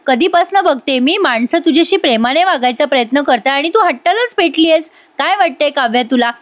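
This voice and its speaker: A woman's voice: high voice, lightly acted. A woman reading the lines of an earnest young married woman who lectures her younger sister firmly. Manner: pleading, firm lecturing tone.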